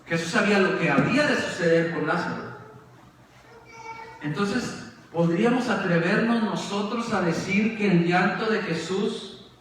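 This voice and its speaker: A man preaching a sermon with dramatic swings, raising questions and dropping to hushed, low emphasis. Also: a little slow, a little hiss or hum. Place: church sanctuary. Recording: echoey church hall, far from the mic.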